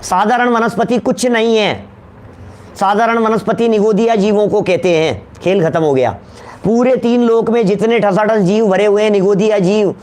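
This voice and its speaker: A Jain scholar with a notably high voice gives a religious discourse. He repeats key terms, slows down to press them home, and keeps posing questions to his listeners.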